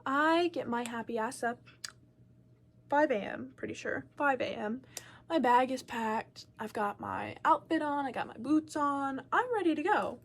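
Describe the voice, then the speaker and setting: A young woman vlogger, her voice sitting high and her pace measured, casually tells a personal story to camera. She's frank, swears freely, and uses lots of filler words, speaking animatedly with loudness that shifts as she goes.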